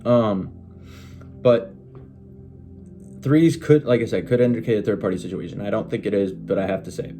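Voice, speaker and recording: A man's voice: fairly low pitch, normal speed, pauses often, dark tone. Chatty man reading tarot with music behind. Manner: chatty, swears when frustrated, muttering asides. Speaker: tarot reader. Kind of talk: casual tarot reading to camera. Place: his bedroom at a desk. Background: music playing on a TV.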